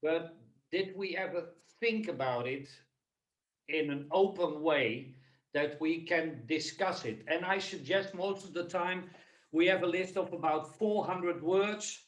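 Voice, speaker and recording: A Dutch-accented man speaks slowly and earnestly over a video call, his voice set a little high. He sits away from the mic, and the room gives the sound a hollow echo. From Netherlands. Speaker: webinar presenter. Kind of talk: casual webinar talk. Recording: echoey, distant from the mic.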